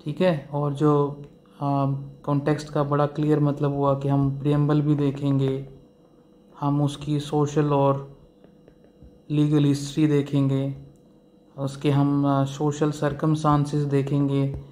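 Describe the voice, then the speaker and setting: A law lecture comes from a man whose fairly high, darkish voice stays monotone as he takes it slowly, with a little hiss or hum in the background. He explains step by step, mixing in English legal terms, fillers and rhetorical questions for the class.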